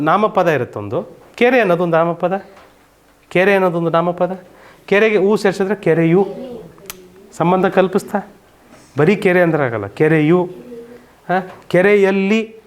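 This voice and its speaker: A male teacher giving a grammar lesson to children, patient, repeating points and asking quick questions. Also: high-pitched.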